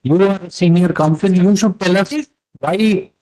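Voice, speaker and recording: In a courtroom hearing that is being live-streamed, an Indian-accented male judge speaks with authority, posing questions and giving instructions from the bench. He has a high, dark voice at normal speed, captured with poor audio.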